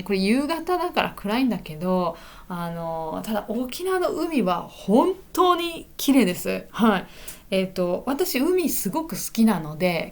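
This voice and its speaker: A woman teaching in a casual podcast lesson, chatty, filling pauses with little affirmations and hesitations. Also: on the high side. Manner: chatty, fills pauses with "hai" and "ano"; lively, rising and falling often. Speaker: Japanese teacher.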